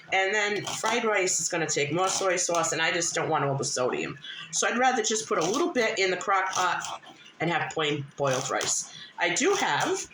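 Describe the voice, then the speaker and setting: A woman giving a casual home cooking demonstration in a homely, plain-spoken way, a little short of breath as she recovers from illness. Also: on the low side. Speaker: host of a home cooking vlog. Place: indoors at home, in a kitchen. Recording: roomy echo, clear background noise.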